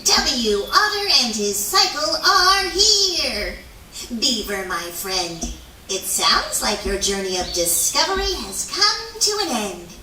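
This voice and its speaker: A woman's voice: high voice, very animated, slow, noisy background, exaggerated voice. A woman voicing a showy, wise male otter who teaches theatrically in a children's puppet show. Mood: grand, encouraging. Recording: echoey, distant microphone.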